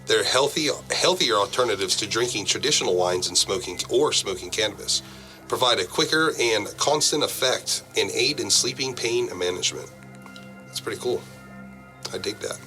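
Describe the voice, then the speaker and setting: A man's voice: on the low side, animated, moderate pace, bright, forceful tone, faint music behind, rough recording. A man co-hosting a casual show, reading news aloud in a laid-back way and tripping over words. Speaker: podcast co-host reading news. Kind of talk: casual chat.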